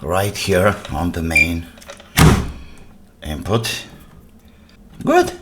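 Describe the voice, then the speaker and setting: A deep-voiced man with huge pitch swings speaks extremely slowly while hosting a repair video at an indoor workbench. He thinks aloud in short phrases, asking himself questions and answering them, and the workbench clatter comes through clearly.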